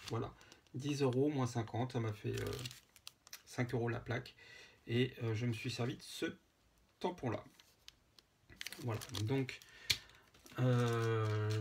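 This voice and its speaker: A man casually showing a handmade photo album, talking to viewers with many pauses and fillers. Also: medium pitch, slight background noise. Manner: hesitant, many fillers, chatty asides to viewers. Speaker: scrapbooking vlogger. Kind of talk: casual show-and-tell.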